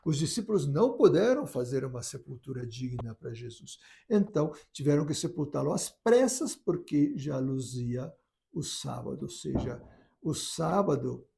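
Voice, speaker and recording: A man with a Brazilian Portuguese accent gives a gentle, unhurried spoken reflection on a gospel reading, often restarting his phrases. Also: mid-range voice, lively intonation, creaky. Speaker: priest giving a gospel reflection.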